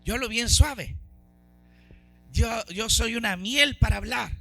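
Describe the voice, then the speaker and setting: A man preaching a sermon as pastor, fervent, swinging between loud exclamations and soft low asides. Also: takes it slowly, gravelly, soft background music.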